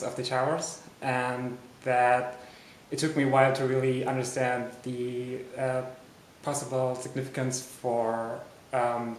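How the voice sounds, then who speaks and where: A man in his twenties with a German accent, recalling a memory in English and halting to search for words. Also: medium pitch, slight background noise. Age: 20s. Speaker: interviewee. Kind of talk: personal recollection. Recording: echoey room.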